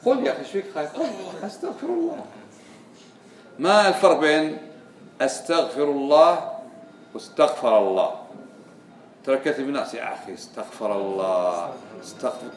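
A man's voice: medium pitch, big pitch swings, a little fast, pauses often. A man giving a religious lesson, quizzing his students with repeated questions. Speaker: religious teacher. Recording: echoey room, voice from far off.

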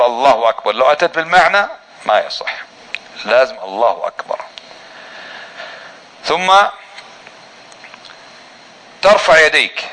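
A man teaching a religious lesson on prayer, asking his listeners questions and answering them himself, and slowly drawing out the phrases he demonstrates. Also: on the high side, sharp tone, low-quality recording. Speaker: Islamic teacher.

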